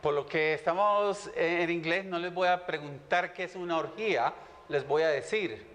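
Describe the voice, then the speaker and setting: A man's voice: fairly high pitch, normal speed, a bit bright. Man interpreting in a reverberant hall. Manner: reads aloud, then echoes the teacher phrase by phrase. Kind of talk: live interpreting and scripture reading.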